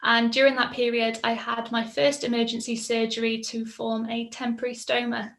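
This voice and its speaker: A woman in her twenties from Mid Wales shares her experience as a patient in a casual, reflective testimonial peppered with ums. Her voice is slightly high with little pitch movement, and she keeps a moderate pace.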